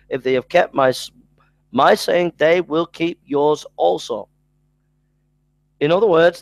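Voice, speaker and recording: This recorded Bible lecture comes from a man speaking through a headset mic in a small room at home. His gravelly voice runs a little high, and he earnestly repeats scripture references while stumbling and restarting. The recording is low quality but free of echo.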